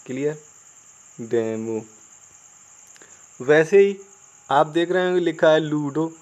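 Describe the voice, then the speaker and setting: A man's voice: fairly high pitch, a little mellow. Chatty Indian man teaching spelling rules. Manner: chatty, asks the viewers "clear?" often; spells words out letter by letter. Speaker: English teacher. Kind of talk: casual Hindi classroom explanation.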